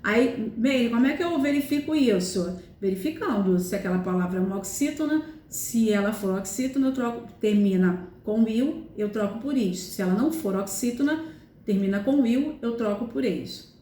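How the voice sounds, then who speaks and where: Her voice is on the high side, animated and warm, moving at normal speed in a roomy space with a little background noise. She's a Portuguese teacher recording a grammar lesson, explaining each rule step by step, repeating examples and checking in with "tá?" and "né?".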